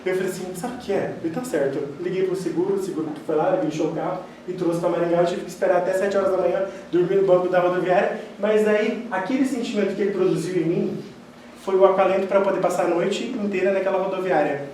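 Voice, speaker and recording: A man gives a spiritist lecture, telling animated personal stories and acting out the dialogue. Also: sits high, fast talker. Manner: animated storyteller who acts out quoted dialogue. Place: lecture hall of a spiritist center. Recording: very echoey hall, distant mic, faint noise.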